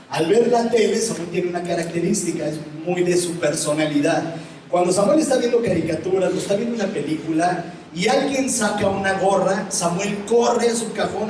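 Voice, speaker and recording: A man with a Mexican accent preaching a sermon, telling a family story with lively acted-out quotes. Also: high voice. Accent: Mexican Spanish. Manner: animated storytelling, acting out quotes, laughing. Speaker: pastor. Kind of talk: sermon with personal anecdote. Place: large church hall. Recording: very echoey hall, distant mic, noisy.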